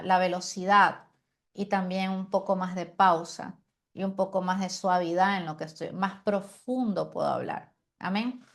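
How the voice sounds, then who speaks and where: Woman teaching preaching with deliberate pauses. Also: mid-range voice. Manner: animated, uses deliberate pauses and demonstrations; frequent rhetorical "¿sí?" and "amén".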